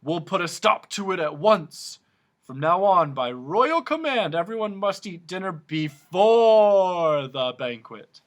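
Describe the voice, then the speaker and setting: A blustering, gloomy king with a high, bright, booming voice, as a storyteller puts him on. He barks royal commands, then sinks back into sad grumbling, in a storybook reading. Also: big pitch swings, a little slow, few pauses. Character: gloomy, blustering middle-aged male king.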